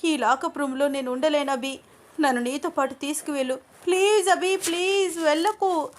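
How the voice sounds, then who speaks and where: A woman voicing an obsessive, jealous young woman who pleads in a shrill, tearful voice. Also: normal speed, slight background noise, close to an everyday voice. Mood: sobbing. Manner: shrill, tearful, desperate begging.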